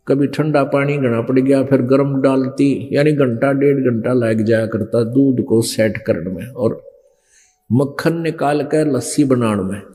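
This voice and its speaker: A man's voice: fairly high pitch, dark tone. A man telling a folksy story in a sermon. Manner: slow folksy storytelling with village speech. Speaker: preacher. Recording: long hall reverb.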